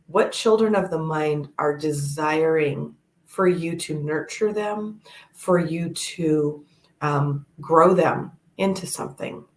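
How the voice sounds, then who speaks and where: A woman giving a gentle, measured personal reading, pausing often with fillers. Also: low voice, reverberant. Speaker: toe reader. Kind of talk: one-on-one reading to camera.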